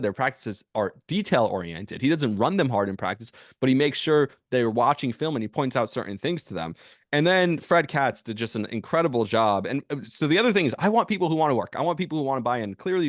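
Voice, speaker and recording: A man's voice: medium pitch, no room sound. Man, sports podcast host, opinionated, emphatic, casual, dry close sound. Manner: passionate, emphatic, builds to loud bursts; casual with fillers and restarts. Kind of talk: opinionated sports talk monologue.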